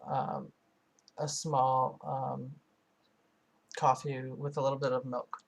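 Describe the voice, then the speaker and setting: A man voicing a live translation over a foreign-language source. He speaks in a narrow, level pitch band and keeps a middle pitch. He pauses and hesitates often, with many filler sounds and restarted phrases. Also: little pitch movement, creaky. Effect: live translation voiced over a foreign-language source. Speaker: student interpreter. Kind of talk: simultaneous interpretation voice-over.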